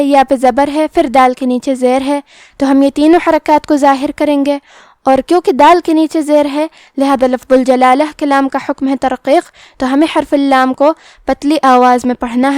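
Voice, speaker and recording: A woman with a Pakistani Urdu accent teaching Quran recitation rules step by step, explaining each letter plainly and then reciting the words slowly with long drawn vowels. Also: high voice, steady tone, a little mellow, no room sound, studio quality. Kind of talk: tajweed lesson with slow recitation.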